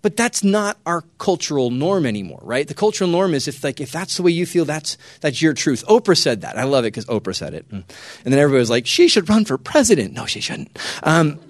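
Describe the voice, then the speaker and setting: Animated high-voiced man giving a youth talk. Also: fast talker, no echo. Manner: animated, joking, often hushing and resetting the crowd. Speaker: youth speaker. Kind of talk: lively talk to a young audience.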